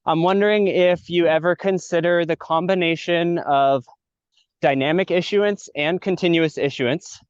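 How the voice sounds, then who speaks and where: A man with a somewhat high voice asks a question on a group call, out of breath as he climbs a steep hill. The sound is dry and lo-fi, with no room around it. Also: fairly even intonation, a little slow, clean tone, dry recording. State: out of breath from hiking uphill. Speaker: call participant asking a question.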